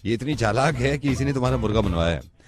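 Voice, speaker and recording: A male radio host running a prank call, talking in a calm, soothing, persuasive way. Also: mid-range voice, fast, music in the background.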